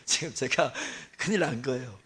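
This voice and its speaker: A male pastor preaching a Sunday sermon, telling a story with self-deprecating humor and swinging from soft asides to loud outbursts. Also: medium pitch, normal speed, a little hiss or hum.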